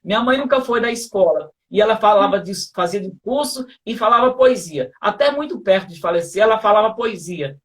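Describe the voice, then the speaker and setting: A man's voice: high voice, lively intonation, fairly quick, few pauses. A man telling a personal story in a live interview, in a reflective way, with many fillers and repeated words. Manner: reflective, with frequent fillers and repetitions. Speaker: guest speaker.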